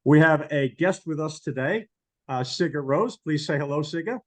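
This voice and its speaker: A man hosting an interview as chairperson of a hall of fame, asking questions in a measured, hesitant way. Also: fairly high pitch, lively intonation. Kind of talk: interview over video call.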